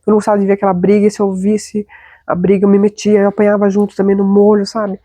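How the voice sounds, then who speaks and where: A woman's voice: mid-range voice, monotone, fast, warm tone, no room sound. A young adult woman with a Brazilian Portuguese accent, hosting and telling a personal story in a chatty, confiding way with frequent tag questions. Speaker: host.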